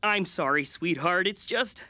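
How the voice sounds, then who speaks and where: An actor playing an earnest, easily provoked, combative husband in an adult cartoon. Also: male voice, high voice, expressive, a little slow, background noise. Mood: sheepish.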